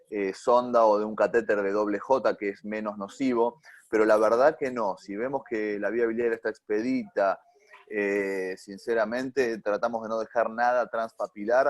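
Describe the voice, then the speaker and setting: A man's voice: lowish voice, dry recording. A man from Argentina, a surgeon and guest speaker, answering webinar questions in a plain, thoughtful way. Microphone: video call.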